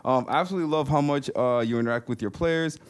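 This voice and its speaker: Casual man, halting as he reads aloud. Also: mid-range voice, clean tone. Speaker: co-host of a game developer show. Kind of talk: casual chat, reading postcards aloud.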